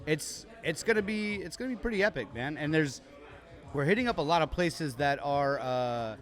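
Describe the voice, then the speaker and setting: This man co-hosts a podcast taped live at a bar, and his casual chat rambles along cheerfully, stopping and restarting often. He sounds slightly high-pitched and expressive.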